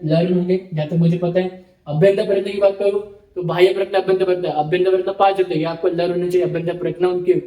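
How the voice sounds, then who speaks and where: High-pitched male teacher, roomy echo. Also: warm tone. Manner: explains step by step, repeats terms, checks in with "ठीक है". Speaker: Sanskrit teacher. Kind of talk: online lecture.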